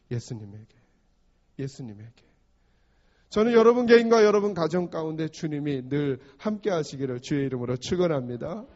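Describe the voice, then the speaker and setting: A man's voice: sits high, darkish tone. A man preaching a sermon as pastor, often asking the congregation questions and acting out short quotes. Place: church sanctuary. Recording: dull sound with long hall reverb.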